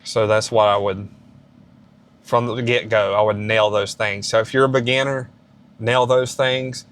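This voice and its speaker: A man's voice: fairly low pitch, steady tone, a little slow, fairly bright tone, clear, resonant tone. A man in his late thirties hosting a fitness vlog, giving beginner lifting advice in a casual, rambling and encouraging way, with many restarts and fillers. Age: 30s. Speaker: fitness channel host.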